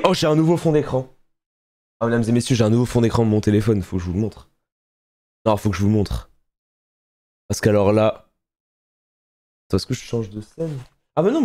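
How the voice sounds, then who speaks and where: Live-streaming with a lowish voice, a man chats casually and excitably with his viewers, laughing often and swearing casually.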